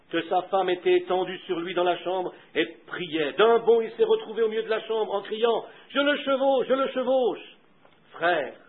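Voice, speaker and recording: A high-pitched man preaches a sermon, moving from quiet storytelling to fervent, loud appeals. The old recording is thin and tinny, as if heard over a phone line. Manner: fervent, swings from hushed to loud.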